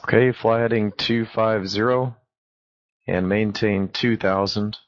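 A man's voice: lowish voice, steady tone, measured pace. A man working as an air traffic controller, giving clipped standard instructions over aviation radio. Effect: aviation radio transmission. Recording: muffled band-limited radio transmission.

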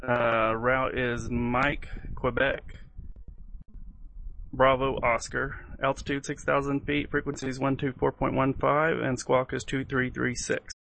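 Man, pilot, radio readbacks, medium pitch, forceful edge, crackly fry. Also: flat delivery, measured pace. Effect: aviation radio transmission.

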